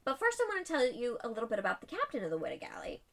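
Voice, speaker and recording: Woman, co-host, playful, chatty, higher pitch, animated delivery. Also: very fast, vocal fry. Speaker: podcast co-host. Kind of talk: casual comedic storytelling.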